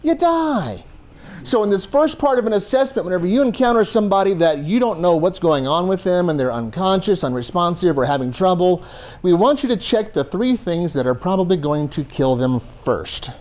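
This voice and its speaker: A man's voice: high-pitched, lively intonation, brisk, a little mellow. A man teaching a first aid class to a room, conversational and joking as he explains. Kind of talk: classroom lecture.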